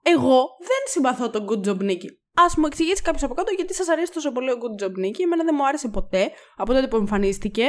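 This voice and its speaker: Young woman co-host, opinionated and animated, bright higher voice, chatty. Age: 20s. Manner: opinionated, animated, quick to interject. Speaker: podcast co-host. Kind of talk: casual chat.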